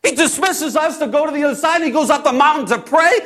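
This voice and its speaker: A man performs an impulsive disciple in a dramatic first-person Bible monologue. His voice sits high for a man. He stumbles and repeats phrases for emphasis, moving between hushed storytelling and loud, emotional outbursts. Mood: incredulous, frustrated. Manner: halting, repeating phrases, swinging from hushed to shouting. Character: Peter, impulsive male disciple recounting storms at sea.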